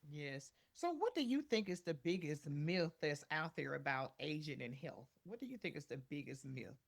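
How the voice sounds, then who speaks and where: A podcast host asking calm, measured questions and affirming the guest. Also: medium pitch, gravelly. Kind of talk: interview questions.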